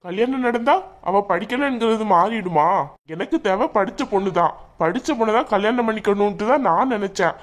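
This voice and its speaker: A woman's voice: medium pitch, lively intonation, brisk, lightly acted. Woman voicing an angry young husband. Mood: furious. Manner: shouting, demanding. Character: angry young married man, son. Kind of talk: cartoon voice acting.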